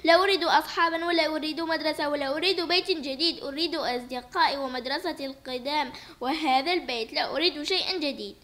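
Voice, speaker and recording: A grieving young girl who loudly and stubbornly refuses everything new, played by a woman. Her voice is high and bright, and she pushes every line with insistence. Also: quick pace. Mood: upset. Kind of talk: toy doll play voice acting.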